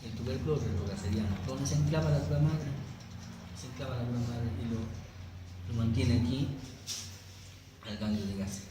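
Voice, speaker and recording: This anatomy lecturer speaks at a normal speed with a steady, medium-pitched voice and frequent pauses. Joking and conversational, he keeps making sure his class is keeping up, all in a very echoey, noisy room.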